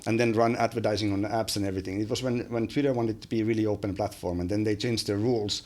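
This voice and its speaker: Speaking fast in a lowish, darkish voice with a steady tone, a Finnish-accented man in his forties chats as a podcast guest. His casual interview talk is full of fillers and restarts, recorded on a studio mic on a boom arm in a small room.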